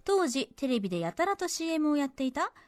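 Expressive high-voiced radio co-host woman. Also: fast, dry recording, studio quality. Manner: expressive, chatty, laughs easily. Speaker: radio co-host reading listener mail. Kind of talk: reading a letter aloud, then casual chat.

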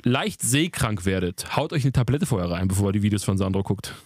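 A man with a slightly husky voice, recorded dry and close. He co-hosts a casual podcast and needles his friends with mock-serious teasing. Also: lowish voice, lively intonation, a little fast, darkish tone, dry recording. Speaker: podcast co-host.

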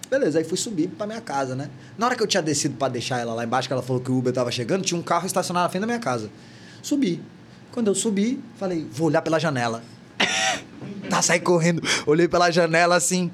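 A man's voice: a little high, animated, fast, a bit bright. A man from northern Brazil, a guest singer, telling a story in casual podcast chat, full of slang and quoted dialogue. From Porto Velho, Rondônia, Brazil.

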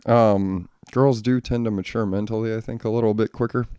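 A man's voice: fairly low pitch, steady tone, fairly quick, mellow, clean tone, dry recording, clean studio sound. A man hosting a casual solo podcast, a father talking in a blunt, profane, ranting way. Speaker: podcast host.

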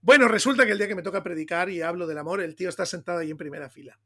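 A pastor from Spain with a Spanish accent, telling stories in a casual chat, animated and laughing often. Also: male voice, high voice, racing. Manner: animated, laughing storyteller, says "tío" often. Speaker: pastor and podcast co-host.

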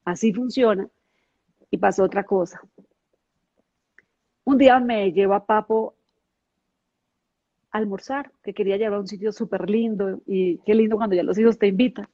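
A woman's voice: mid-range voice, steady tone, normal speed, long pauses, mellow, no room sound. Middle-aged lady sharing a personal story, earnest, repeats herself, dry dull sound like a video call. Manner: emotional, earnest, with many repeated words. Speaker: guest. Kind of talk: personal testimony in a podcast conversation.

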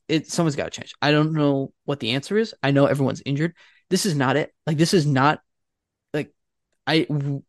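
A man co-hosting a casual sports podcast, ranting with a fan's exasperation and talking in quick bursts full of fillers. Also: fairly high pitch, no room sound, clean studio sound. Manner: animated, exasperated fan ranting.

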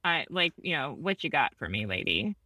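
A woman voicing a weary, skeptical woman patient who talks in a flat, challenging drawl. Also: extremely low pitch, normal speed, no echo, pitched below the performer's own voice, exaggerated voice.

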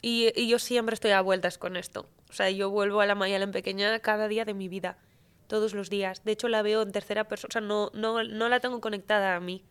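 A woman guest in a casual podcast conversation, talking in an animated, heartfelt and slangy way. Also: medium pitch, a little fast, smooth. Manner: animated, emotional, slangy, often says "tío".

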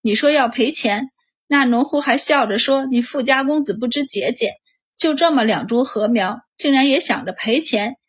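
Angry grieving rich mom yelling over the wall, woman reading it, a bit husky, higher voice. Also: normal speed. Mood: angry wailing. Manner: loud scolding, wailing. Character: grieving furious middle-aged noble mother.

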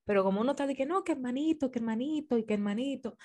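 A woman's voice: sits high, rapid-fire, warm tone. A woman guesting on a casual podcast, telling a story with lots of animation and frequent laughter.

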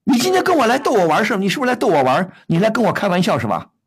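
A middle-aged man scolds his caller on an advice show, firing off one blunt question after another. His voice is husky and swings widely in pitch. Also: wildly swooping pitch, very fast. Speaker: radio advice host.

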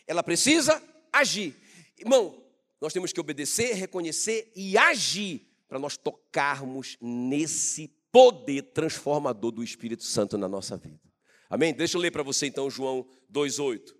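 A man preaching a sermon, shifting between quiet personal storytelling and loud shouted bursts of praise. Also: fairly high pitch. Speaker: pastor.

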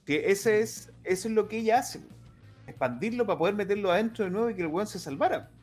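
A man's voice: high-pitched, quick pace, a little mellow, faint music behind. A man with a Chilean accent, a podcast co-host, explaining points and steering the casual chat back on track.

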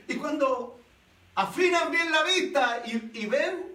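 A man preaching a sermon, telling the story in an animated way and asking rhetorical questions. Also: very high-pitched, drawn-out words. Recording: echoey room, voice from a distance.

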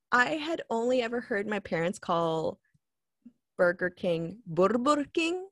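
A woman's voice: medium pitch, animated, slow pace, fairly bright tone, dry recording. A young woman from Long Island talks with the accent of that place in a loose, rambling way, full of fillers, and laughs often. She sounds like a podcast co-host in casual conversation over a video call. Her voice is recorded close and dry, with no room sound. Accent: Long Island New York. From Long Island, New York. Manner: rambling storyteller, laughs often, many likes. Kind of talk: casual chat.

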